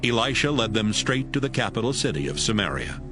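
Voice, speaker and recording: Reading scripted Bible narration a little quickly, this male narrator has a slightly low, lively voice with expressive pitch movement. Music is clearly audible behind him.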